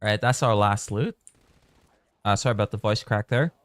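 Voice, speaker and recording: A man's voice: on the low side, normal speed, a bit bright, dry recording. A man from the Philippines giving casual, rambling commentary while live-streaming a game. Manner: chatty, rambling, thinking aloud.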